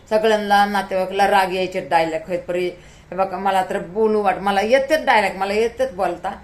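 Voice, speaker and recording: Weary, pleading woman vlogger. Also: mid-range voice. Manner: pleading, repetitive, heartfelt. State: tired. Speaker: YouTuber. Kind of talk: emotional talk to camera.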